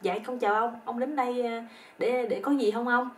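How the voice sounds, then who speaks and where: A woman with a Southern Vietnamese accent voicing a fussy male hotel owner who is polite with guests but loud and demanding when alarmed. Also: fairly high pitch, steady tone, normal speed, distant mic, pitched above the performer's own voice, natural voice. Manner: polite, then loudly demanding.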